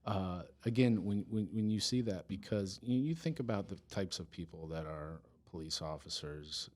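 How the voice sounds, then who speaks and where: Deep-voiced man, earnest and halting. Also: expressive, a little mellow. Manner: earnest, halting with restarts, laughs easily. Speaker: police department chief of staff, guest. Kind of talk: casual podcast interview.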